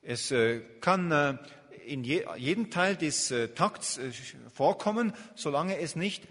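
A man's voice: a little high, lively intonation, slow, fairly bright tone. A man interpreting a lecture live, hesitant and full of filler sounds as he searches for words. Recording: long hall reverb.

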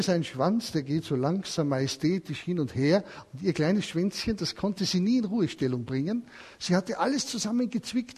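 A man's voice: sits high, dark tone, husky. A man preaching a sermon, telling a parable and asking his listeners questions. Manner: storytelling, asks the listeners questions.

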